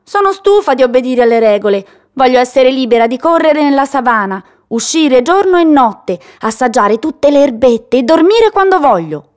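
Cheeky little she-goat kid for a storybook, pitched up high, bold, read by a woman. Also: unhurried, natural voice. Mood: defiant. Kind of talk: storybook reading.

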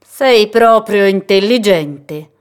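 A woman voicing a sly, menacing hyena in a storybook reading, with a nasal voice and slow, drawn-out speech. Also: mid-range voice, animated, clear, resonant tone, pitched above the performer's own voice. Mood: smug.

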